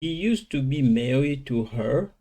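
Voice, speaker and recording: Man slowly drilling English vocabulary. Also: mid-range voice, lively intonation, warm tone. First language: Lingala. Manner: switches between languages, slow drilling of English words. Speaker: language teacher. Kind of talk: informal vocabulary lesson.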